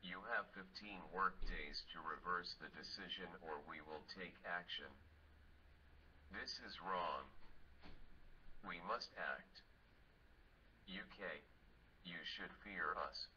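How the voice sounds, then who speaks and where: A man's voice is disguised and pitched far down, sitting very low yet with a hard, sharp edge. He reads an anonymous proclamation slowly and ominously. The recording is dull and lo-fi. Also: slight background noise. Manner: slow, measured, ominous delivery. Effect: disguised, pitched-down deep voice. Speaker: anonymous spokesman. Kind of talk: scripted solemn proclamation.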